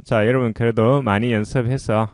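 A man teaching pronunciation in a patient, explanatory way, his voice at a middle pitch. The recording is dry and close, with no room sound around it. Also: steady tone, a little mellow, dry recording. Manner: patient and explanatory, often pausing with "자".

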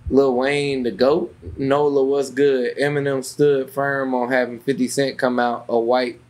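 A man co-hosting a casual podcast, blunt and joking in his commentary. His voice sits at an ordinary middle pitch, close on a desk microphone. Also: little pitch movement, unhurried, darkish tone. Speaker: podcast co-host. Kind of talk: casual chat. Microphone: desk microphone on arm.

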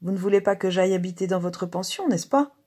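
A woman's voice: mid-range voice, mellow, breathy edge, close to an everyday voice. Woman voicing a teasing young working girl. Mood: excited. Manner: brisk, mocking, eager. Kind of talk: dramatized story reading.

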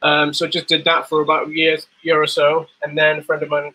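A man from Zimbabwe, a bartender guest, telling his story in relaxed, rambling chat over a video call. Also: a little high, brisk, poor audio. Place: dim room at home. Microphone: video call webcam.

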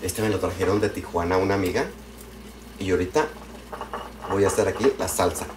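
Deep and steady, a little quick, a Mexican-accented man chats with his livestream audience as he cooks at home at night. He's friendly and slangy, using pet names and greeting viewers by name, over the sounds of frying and clattering dishes.

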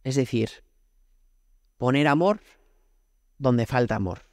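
A man's voice: medium pitch, animated, slow pace, dry recording, clean studio sound. A man from Spain, a priest, giving a conversational prayer homily, often asking rhetorical questions and speaking directly to God. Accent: Spanish from Spain.

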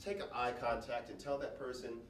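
A man leading a workshop, coaching a group through breathing and voice warm-ups with short encouraging prompts, often checking in with "right?". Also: mid-range voice, fairly even intonation, moderate pace. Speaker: workshop leader. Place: large room with an audience. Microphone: handheld mic, off-mic at times. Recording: echoey room, distant mic, audible noise.

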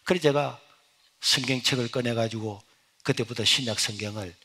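A middle-aged male pastor, giving an emotional sermon testimony that swings from hushed to loud. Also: medium pitch, moderate pace, slightly rough.

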